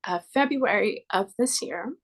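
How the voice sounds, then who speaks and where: A woman's voice: medium pitch, lively intonation, unhurried, soft background music. A woman hosting an interview over a video call with her computer mic, friendly and giggly, introducing her guest. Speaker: interview host, body care practitioner. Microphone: computer microphone.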